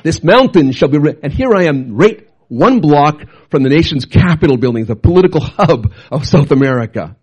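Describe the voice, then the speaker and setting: A middle-aged man preaching a storytelling sermon, his voice set a bit high and worn husky. He tells his tales in an animated, excitable way, jumping up and down in pitch. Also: moderate pace, few pauses, dull audio. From Canada. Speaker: pastor.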